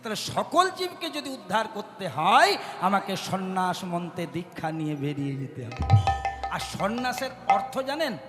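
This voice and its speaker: High-voiced man preaching to a crowd. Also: very animated, normal speed. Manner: addresses the audience directly with questions. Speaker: kirtan singer and preacher. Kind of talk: devotional kirtan storytelling sermon. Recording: long hall reverb with music.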